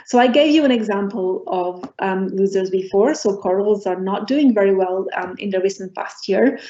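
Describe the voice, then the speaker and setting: A middle-aged woman from Portugal delivers an academic lecture at a mid-range pitch. She talks haltingly, filling gaps with ums and restarting phrases. The recording sounds dull and lo-fi. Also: dark tone. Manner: hesitant, many ums and restarts. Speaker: professor giving a talk.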